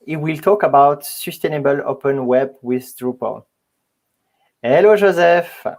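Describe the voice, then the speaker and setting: A man's voice: fairly high pitch, unhurried, darkish tone. Guy hosting a web meetup online, lots of uhs, hesitant. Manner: hesitant, many fillers. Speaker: meetup host. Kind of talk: online event introduction. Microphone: video call.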